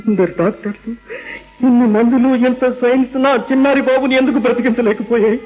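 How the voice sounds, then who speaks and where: A grief-struck father who clings to reason, heard through a thin, tinny old radio broadcast. His voice sits high for a man and he talks earnestly. It sounds like a vintage radio drama. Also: quick pace, soft background music. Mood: grieving. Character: grieving atheist father, rational husband. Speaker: father of a sick child. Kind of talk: radio play acting. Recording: narrow lo-fi old radio recording.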